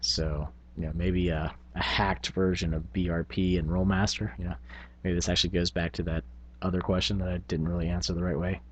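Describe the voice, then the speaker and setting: With a low-pitched voice and a flat, brisk delivery, a middle-aged man hosts a relaxed, reflective tabletop gaming vlog. He speaks informally, pausing to hesitate and working out his thoughts aloud.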